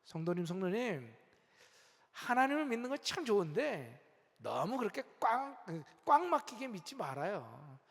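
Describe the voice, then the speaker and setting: Pastor doing sly coaxing devil guy, sweet-talking, high and echoey in a big hall. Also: very animated, normal speed, creaky, husky, full character voice. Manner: wheedling, falsely reasonable. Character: smooth coaxing male tempter, Satan whispering. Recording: long church hall reverb.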